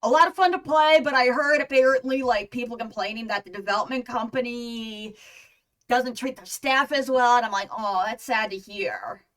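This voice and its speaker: A woman's voice: on the high side, moderate pace, a bit bright, distant mic. A woman in her thirties hosting a livestream, chatting casually. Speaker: stream host.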